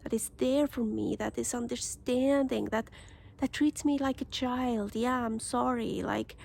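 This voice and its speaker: Slow, halting woman with a gravelly voice. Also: on the high side, steady tone, darkish tone, slight background noise. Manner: halting, many restarts and fillers. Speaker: vlogger. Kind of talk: casual personal vlog.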